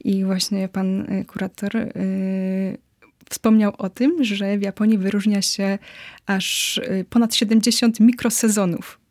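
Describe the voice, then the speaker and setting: A woman's voice: medium pitch, steady tone, a little slow, a little mellow, dry recording. Earnest woman guest, dry close sound. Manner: earnest, frequent hesitation fillers. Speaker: guest expert. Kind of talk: explanatory interview answers.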